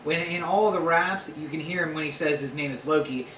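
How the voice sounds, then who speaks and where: A man's voice: on the high side, a little fast, a bit bright. A man hosting a casual podcast at home, chatting and playfully arguing his points. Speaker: podcast host. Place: home room. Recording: roomy sound, distant mic, faint noise.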